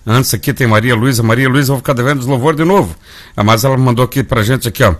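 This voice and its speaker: A Brazilian man with a medium-pitched voice and a Brazilian Portuguese accent talks fast while hosting a live gospel radio show. He's folksy, calling his listeners family.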